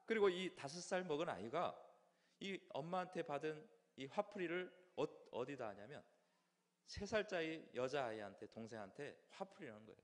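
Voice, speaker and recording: A man preaching a sermon, speaking haltingly with restarts and acting out quoted lines in the story. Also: a little high, lively intonation. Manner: halting, with many restarts and fillers, voicing quoted speech. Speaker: pastor. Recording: hall reverb.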